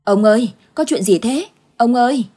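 A woman voicing a brisk, scolding elderly village wife who brushes off her husband's worries. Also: mid-range voice, animated, slightly rough. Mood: urgent. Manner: scolding, dismissive.

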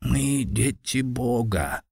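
A man voicing an exhausted, defiant old clan patriarch near death in an audiobook, speaking weakly in a slow, solemn mutter. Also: fairly low pitch, a little mellow, dry recording, studio quality. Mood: solemn defiance. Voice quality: weak, muttering. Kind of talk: audiobook character voice.

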